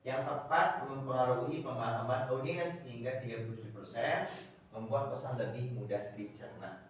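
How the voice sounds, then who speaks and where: Rambling teacher in an echoey classroom. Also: male voice, medium pitch, normal speed, recorded from a distance. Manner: rambling, with many fillers and repeated words. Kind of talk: classroom lecture.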